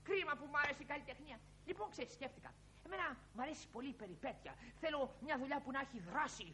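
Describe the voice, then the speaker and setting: A woman voicing a fussy, excitable male character in a children's TV musical, babbling and easily overwhelmed. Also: sits high, slight background noise. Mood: wistful.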